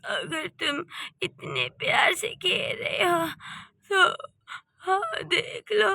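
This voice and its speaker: A frail old mother in a cartoon tale, played by a woman, her weepy pleading voice pitched very high with a gravelly edge. She speaks slowly and sounds close and dry. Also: big pitch swings, sharp tone, no echo, exaggerated voice. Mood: moved. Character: elderly widowed mother, frail and tearful. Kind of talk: cartoon voice acting.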